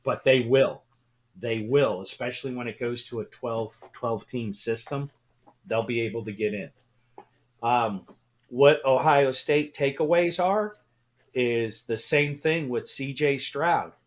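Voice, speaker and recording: A man talking sports on a radio show, his voice sitting at an ordinary middle pitch. He gets excited fast, swears freely and circles back over his own words. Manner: excitable, swears, laughs, repeats himself. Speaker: talk radio co-host. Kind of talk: casual sports talk.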